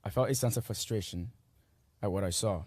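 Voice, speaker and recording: His voice lowish, a little mellow and slightly rough, a late-teen native Spanish speaker from Guatemala reads his personal essay aloud at a school graduation ceremony. He uses earnest, measured short phrases, captured in a dry recording.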